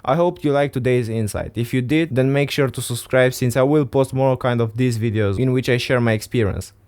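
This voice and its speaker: A teenage Romanian boy, speaking English as a second language, earnestly offers career advice to viewers in a casual vlog. His voice is medium-pitched, fairly quick and darkish in tone, recorded on a studio XLR mic.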